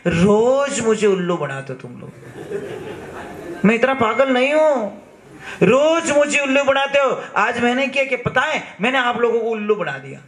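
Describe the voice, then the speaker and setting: A man's voice: very high voice, lively intonation, normal speed, a bit bright. A male preacher voicing a simple, blunt male devotee who grumbles about his guests, in an echoey hall. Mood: gleeful. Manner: grumbling, indignant complaints in dialect.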